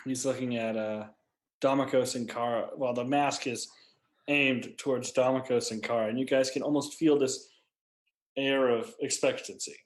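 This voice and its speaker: A man running a tabletop game as game master, describing scenes in a measured way that slows down for detail. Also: medium pitch, steady tone.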